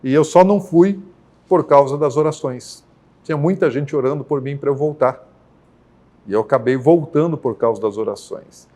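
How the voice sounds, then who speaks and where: A man, a senior pastor from Brazil, telling his faith testimony as a podcast guest, earnest and unhurried, often checking in with his listener. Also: mid-range voice, warm tone. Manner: earnest, unhurried, with frequent tag questions.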